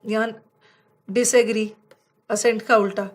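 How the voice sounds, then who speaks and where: A woman teacher explaining vocabulary for exams, mixing Hindi with words and reading example sentences slowly. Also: a little high, little pitch movement. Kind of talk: slide-based exam vocabulary lesson.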